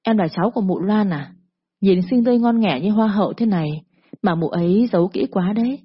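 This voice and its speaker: A woman voices a cocky, lewd male gangster loan shark, speaking in a sneering, bullying drawl with a menacing mood. Her medium-pitched voice is a little fast and breathy, close to her everyday voice. The recording is dull and lo-fi.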